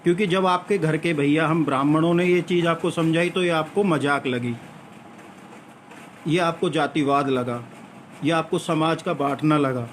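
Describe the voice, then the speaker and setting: A man's voice: a little high, moderate pace, slight background noise. A man delivering a lecturing monologue to viewers, asking rhetorical questions and repeating his points for emphasis. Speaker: vlogger addressing viewers. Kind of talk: argumentative spoken monologue.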